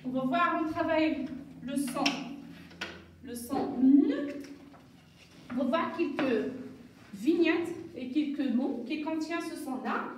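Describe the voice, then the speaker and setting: Woman teacher for small kids; high, lively pitch; slow and deliberate; echoey room, far from the mic. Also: a little hiss or hum. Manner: slow, deliberate, sounds out syllables. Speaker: primary school teacher. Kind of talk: reading lesson for young children.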